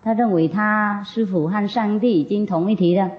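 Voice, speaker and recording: A woman's voice: mid-range voice, normal speed. A woman spiritual teacher telling a story to an audience in a folksy, chatty way, often laughing. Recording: dull lo-fi recording.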